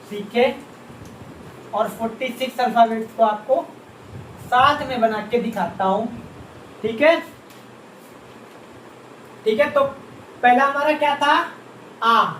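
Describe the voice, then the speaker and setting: A man's voice: very high voice, fairly bright tone, slight background noise. A man teaching a beginners' Japanese script lesson, asking a question and answering it himself, repeating each sound patiently. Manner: slow, patient explaining. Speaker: language teacher. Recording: echoey room, distant mic, faint ambience.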